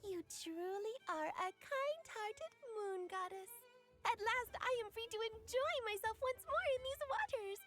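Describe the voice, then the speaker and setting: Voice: very high voice, expressive, measured pace, a bit bright, soft background music, full character voice. An actor voicing a small, fluffy, childlike game creature that is sweet, grateful and effusively polite in flowery exclamations. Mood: joyful, grateful. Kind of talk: video game character dialogue.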